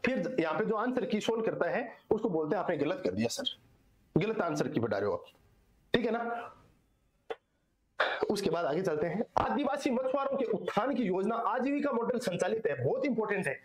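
A hoarse man teaching an exam-solution lecture, repeating answers and asking and answering his own questions. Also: sits high, sing-song, normal speed. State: hoarse, strained throat. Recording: echoey room.

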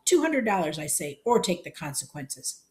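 A woman voicing a burly, angry shopkeeper who shouts and blusters. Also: fairly low pitch, sing-song, moderate pace. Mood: furious.

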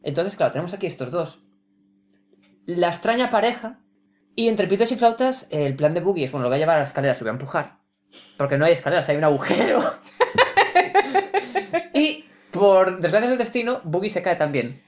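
Lively low-voiced Spanish woman. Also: a little fast, pauses often. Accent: Spain Spanish. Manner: wry, animated retelling with sound effects. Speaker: podcast co-host. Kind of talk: casual chat.

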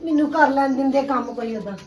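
A woman's voice: high voice, fairly quick, lo-fi sound, soft background music, natural voice. An actress playing a middle-aged mother who wails and pleads with her returned daughter. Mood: busy, brusque. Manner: wailing, pleading questions. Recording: echoey room, distant mic.

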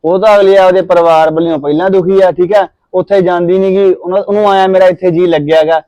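A man plays a young husband arguing his wife's side to his mother. His voice sits high and the words come fast and insistent. The sound is close and dry. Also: fairly even intonation, mellow, no echo, lo-fi sound, natural voice. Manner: insistent, persuasive. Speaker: son. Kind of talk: Punjabi short film acting.

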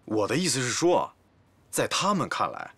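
A man's voice: medium pitch, huge pitch swings, normal speed, fairly bright tone, breathy edge, no echo, exaggerated voice. An actor in his twenties playing a playful, teasing young office employee in a light TV drama, with a theatrical delivery. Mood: amused, mocking. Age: 20s. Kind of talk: light comedic TV drama dialogue.

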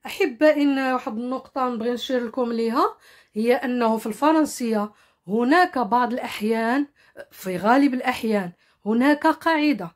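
A woman with a Moroccan accent teaching a French lesson, explaining quickly in Arabic and reading French examples slowly and deliberately. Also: fairly high pitch. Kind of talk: language lesson.

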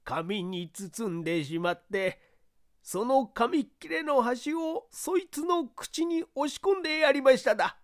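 A woman's voice: high-pitched, animated. Woman voicing a rustic old servant man. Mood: earnest. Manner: thick rural dialect, halting and insistent. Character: rustic old male servant, simple and earnest. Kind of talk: audiobook character reading.

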